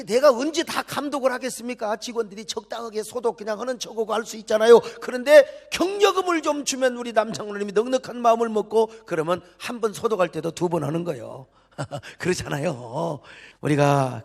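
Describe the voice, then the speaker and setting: A male pastor preaches in a church with a high, gravelly voice. He is emphatic, dropping to quiet asides and rising to loud, shouted declarations. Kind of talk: sermon. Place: church sanctuary.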